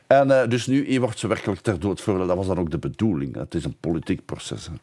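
An older man, a historian, telling a story animatedly in an interview, slowing down for emphasis. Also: low voice. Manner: animated storyteller, slows for emphasis, many fillers. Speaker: historian guest.

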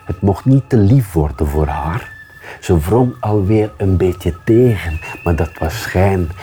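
A man with a Flemish accent, an author calmly reading his children's book aloud. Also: sits low, slight background noise. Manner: calm, measured storytelling.

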